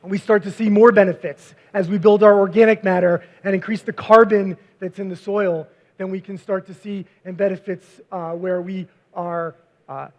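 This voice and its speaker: Man, high voice, presenting researcher, quick talker, muffled lo-fi recording. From United States. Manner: self-described fast talker, frequent fillers. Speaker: visiting cover crop researcher. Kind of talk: conference presentation with slides. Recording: dull lo-fi recording.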